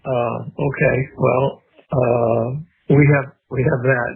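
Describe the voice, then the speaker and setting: Dad on a prison phone call, husky voice, halting and careful, tinny phone sound. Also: male voice, mid-range voice, little pitch movement. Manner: halting, measured. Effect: prison phone line. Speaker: father of the inmate.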